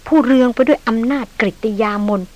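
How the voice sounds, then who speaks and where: Woman reading as a calm polite young man. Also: fairly high pitch, brisk, lo-fi sound, lightly acted. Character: young man, a composed hunter, polite to his lady. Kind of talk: audiobook character reading.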